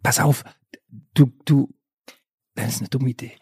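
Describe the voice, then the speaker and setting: A man playing a panicky, bossy husband hiding after a bank robbery, stammering and hushing in an improvised comedy sketch. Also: medium pitch, fairly even intonation, slightly rough, no room sound, studio quality. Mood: scheming. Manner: hurried, stammering, hushed bossing.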